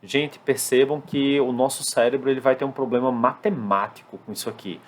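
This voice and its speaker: A man's voice: mid-range voice, fairly even intonation. Brazilian man teaching at a whiteboard. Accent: Brazilian Portuguese. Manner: explanatory, slows down to spell out English examples. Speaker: English teacher. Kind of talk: classroom-style lesson at a whiteboard.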